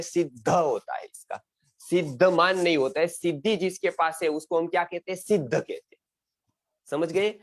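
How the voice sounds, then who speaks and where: A middle-aged man from India teaching an online Sanskrit lesson, repeating words and checking that his students follow. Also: on the high side. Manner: quizzing students, repeats words, frequent "samajh gaye?". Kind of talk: explanatory online class lecture.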